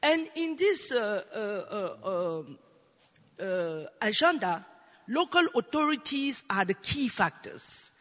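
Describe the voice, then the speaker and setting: Francophone African woman speaking careful, halting English. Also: mid-range voice, sing-song, a bit bright. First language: French. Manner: careful, halting non-native English with searching pauses. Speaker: mayor and panel speaker. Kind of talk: panel remarks. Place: large hall at a conference, speaking to a room. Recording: reverberant conference hall.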